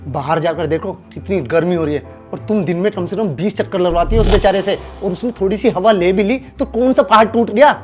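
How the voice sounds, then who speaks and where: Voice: mid-range voice, brisk, few pauses, soft background music, natural voice. A performer acting a husband who firmly reasons and defends the servant in a short drama skit. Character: husband, a fair-minded office-going man. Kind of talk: scripted Hindi skit acting.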